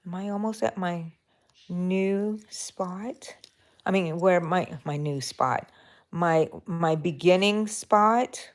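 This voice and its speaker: A crochet channel host from Texas speaks slowly in a fairly low voice during a casual live stream from her bedroom. She chats, thinks aloud while working, and talks to her yarn.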